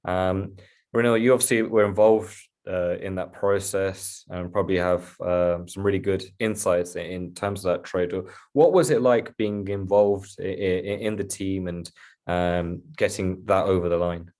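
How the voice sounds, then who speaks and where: A man's voice: low-pitched, fairly even intonation, moderate pace, darkish tone. A man hosting a conversational interview, hesitant as he feels his way through his questions. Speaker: host, interviewer.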